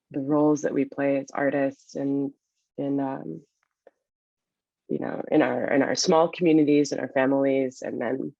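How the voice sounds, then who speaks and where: Panelist: gravelly voice, flat delivery, reflective; dry, muffled audio. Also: medium pitch, no echo. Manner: grateful, reflective. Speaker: panelist artist. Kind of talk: panel discussion. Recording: dull dry lo-fi sound.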